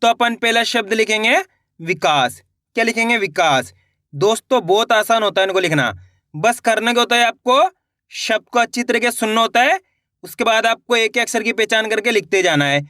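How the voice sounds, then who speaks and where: Male teacher for a spelling lesson; high, crisp voice; repeats and quizzes; dry room. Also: lively intonation, bright, forceful tone, no room sound. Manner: repeats each word slowly, quizzing viewers.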